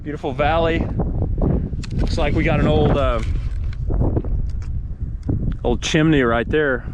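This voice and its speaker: Heavy wind roars over an action camera outdoors on an open road. Through it comes a middle-aged American man with a fairly high voice, muffled by a cloth face covering. He narrates his bike ride in a casual, plainspoken way. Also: slow. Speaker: cyclist vlogger. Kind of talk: casual narration while riding a bicycle. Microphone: action camera worn while riding.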